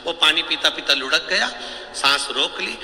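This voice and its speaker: A man's voice: a little high, moderate pace, bright, forceful tone. A man preaching a devotional sermon, telling a humorous story and acting out the characters' voices. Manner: humorous, teasing asides. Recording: echoey hall with long reverb, faint ambience.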